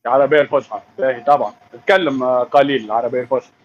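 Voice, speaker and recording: A man's voice: medium pitch, steady tone, very fast, muffled recording. A man from Tunisia with a Tunisian Arabic accent, calling into a live debate stream and stumbling over formal words. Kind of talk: casual call-in chat.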